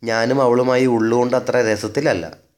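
A man voicing a gruff, grumbling middle-aged village man in a spoken story. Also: mid-range voice, fairly even intonation, moderate pace, darkish tone, lightly acted.

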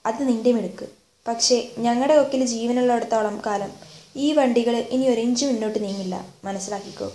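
Brief: stern village man, firm and warning, read by a woman, slightly high, echoey. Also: steady tone, brisk, mellow, a little hiss or hum, natural voice. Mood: firm, defiant.

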